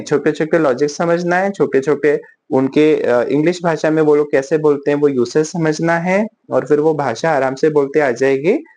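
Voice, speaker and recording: A man with an Indian accent giving a casual spoken-English lesson in Hindi. He slows right down to model English sentences and keeps checking in with his learners. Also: on the high side, darkish tone. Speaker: English vocabulary teacher.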